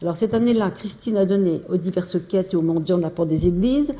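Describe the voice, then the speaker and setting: A woman's voice: lowish voice, fast talker, warm tone. Hesitant woman lecturing in a reverberant hall. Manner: hesitant, many fillers and restarts. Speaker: lecturer presenting family archives. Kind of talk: informal illustrated talk.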